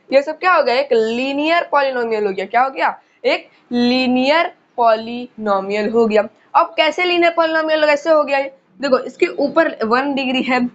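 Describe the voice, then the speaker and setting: A woman teaching school math in a casual lecture, who repeats key terms and quizzes her listeners. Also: high-pitched. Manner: slows down while writing on the board. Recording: dull lo-fi recording.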